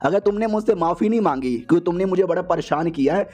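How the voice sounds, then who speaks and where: A man voicing an excitable middle-aged mother who scolds and pleads. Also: high voice, fast talker. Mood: fussing.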